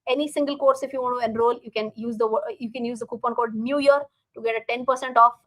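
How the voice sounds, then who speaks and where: A woman with an Indian accent speaks in a fairly high voice. She hosts a live stream in a casual, instructive way, addressing viewers directly and often repeating short phrases. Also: steady tone, fast, dry recording, rough recording. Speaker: live stream host and finance teacher.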